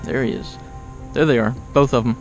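Speaking fairly quickly over music, a young man with fairly even intonation delivers excited vlog commentary from his kayak on open water. His breathless, amazed exclamations often rise high, captured by an action camera mounted on the kayak. He was born in Kansas and raised in Oklahoma.

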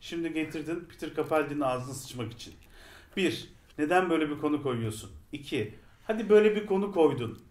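A man's voice: on the high side, animated, fairly quick. A man co-hosting a casual review chat, ranting in an exasperated way. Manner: exasperated ranting, addresses the writer directly. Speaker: podcast co-host. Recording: roomy echo.

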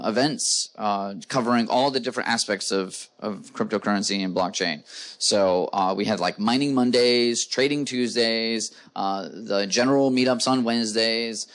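A man with a medium-pitched, fairly bright voice appears as a guest in a conference stage interview in front of a live audience. Speaking into a handheld mic as a company co-founder, he gives long explanations filled with "uh."

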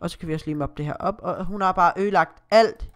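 A woman with a Danish accent, chatting casually through her own gameplay as a Let's Play host, reading the screen aloud and exclaiming often. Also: on the low side.

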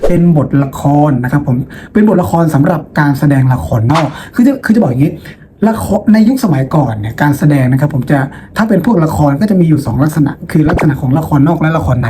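A warm, high-pitched male voice leads a lesson video as both teacher and host. He speaks informally and playfully to his students, telling stories and frequently asking rhetorical questions, while background noise is clearly audible.

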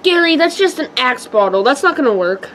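A girl voicing an excitable older brother who rambles, full of fillers and restarts. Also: high voice, a little fast, slight background noise, rough recording. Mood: chatty.

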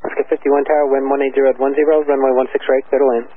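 A man working as an air traffic controller, steady and businesslike with casual asides, heard over a radio transmission with static bursts. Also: medium pitch, rapid-fire. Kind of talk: radio instructions and chat. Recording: tinny radio with static hiss.

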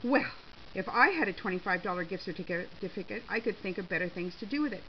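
A woman's voice: medium pitch, expressive, fairly quick, natural voice. A woman reading a story, voicing a nosy woman friend in a prying, chatty way. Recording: slightly dull with faint hiss.

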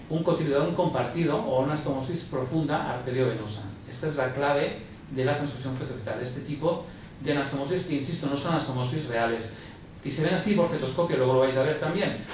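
A man's voice: medium pitch, slight background noise. A man giving a medical conference lecture, explaining slides and often repeating words as he thinks. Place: large lecture hall. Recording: echoey hall from far off.

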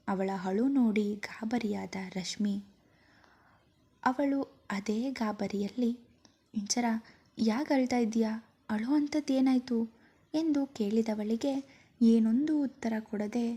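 A woman reading a scripted story aloud in a soft, hushed manner. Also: fairly high pitch, breathy edge.

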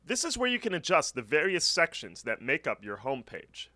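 A man's voice: a little high, huge pitch swings, normal speed, sharp tone. A man narrating a scripted step-by-step website setup walkthrough as a voice-over. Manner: clear step-by-step instructional. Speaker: tutorial narrator. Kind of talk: scripted screen-recording walkthrough.

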